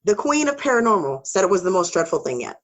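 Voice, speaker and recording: A woman's voice: medium pitch, very animated, fast talker, poor audio. A woman co-hosts a casual podcast and walks through spooky stories. Her voice sits in a middle register. She speaks loosely and swears freely. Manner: casual, swears, laughs between story beats. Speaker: podcast co-host. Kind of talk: casual storytelling podcast chat.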